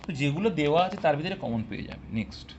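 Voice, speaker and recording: A man's voice: a little high, animated, rapid-fire, dull audio, noisy background. A man teaching an exam-prep class live, quizzing his students and explaining step by step, sometimes scolding them for answering early. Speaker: English teacher for exam coaching.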